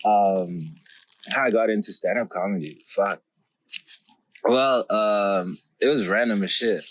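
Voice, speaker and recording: A man's voice: fairly low pitch, takes it slowly, long pauses, a bit bright, no room sound. A French-born man, French as his first language, chatting casually as a guest comedian in a laid-back, giggly way and swearing freely. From France. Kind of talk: casual podcast chat.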